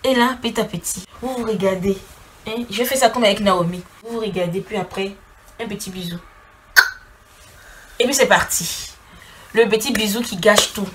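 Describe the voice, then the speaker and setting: A woman's voice: mid-range voice, normal speed, long pauses, background noise. A woman vlogger giving casual relationship advice to camera, speaking straight to her female viewers and acting out little scenes as she goes. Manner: speaks directly to a female audience as "tu".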